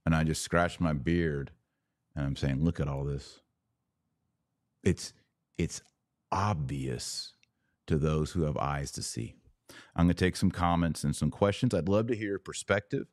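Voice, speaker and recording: An American man with a low voice, a podcast host and religious commentator, addresses his viewers emphatically on a live commentary show, repeating words to press his points. His pace is measured, he pauses often, and his tone is darkish. The sound is dry, with hardly any room.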